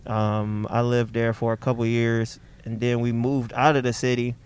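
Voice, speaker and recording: Young guy from detroit, comedian, swears a lot, laughs at his own stories, clean smooth voice, in a car. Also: mid-range voice, level tone, normal speed, a little mellow. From Detroit, Michigan. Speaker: stand-up comedian, guest. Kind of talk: casual storytelling chat. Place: inside a parked car.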